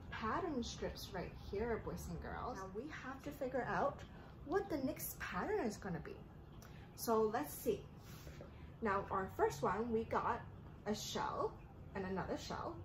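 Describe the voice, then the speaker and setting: A woman in her thirties uses a sing-song children's story-time style in an indoor living room, reading aloud and teaching by asking simple questions. Her voice is a little high, with background noise present.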